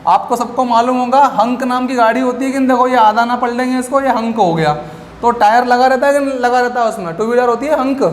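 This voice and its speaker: A man's voice: very high voice, fast. A man teaching a lecture class, asking questions and answering them himself with memory tricks. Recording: echoey room with faint background noise.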